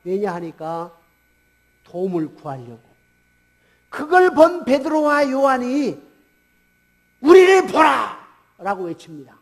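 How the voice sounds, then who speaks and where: High-voiced man preaching a sermon. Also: sing-song, unhurried, long pauses. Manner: storytelling preaching with rhetorical questions. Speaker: pastor. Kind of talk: Sunday sermon. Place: church sanctuary.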